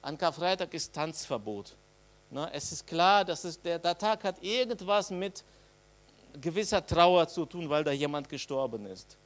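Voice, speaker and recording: A man with a slightly higher-than-usual voice gives an Easter sermon. He speaks directly to the congregation in a conversational way, with everyday asides, and pushes the key phrases out louder. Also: animated, moderate pace. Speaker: preacher.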